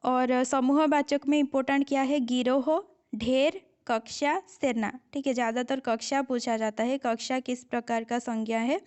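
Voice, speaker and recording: A woman's voice: high voice, fairly even intonation, normal speed, few pauses, darkish tone, smooth. A woman teaching a grammar lesson for exam preparation, explaining patiently and repeating key points with frequent check-ins to her students.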